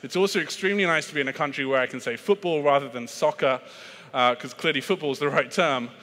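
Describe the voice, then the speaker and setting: A sales keynote speaker from Britain addresses a big hall, his British English voice bright, forceful and a bit high-pitched, moving at a quick pace. He keeps things chatty and pokes fun at himself, often tripping over fillers and restarting, while long reverb echoes around the room.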